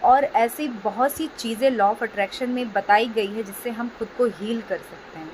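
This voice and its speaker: A woman hosting a self-help video, giving gentle casual advice to her viewers and checking in often with them. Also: fairly high pitch, unhurried, slight background noise, poor audio. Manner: gentle, repeats "ठीक है" often. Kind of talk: casual advice talk to camera.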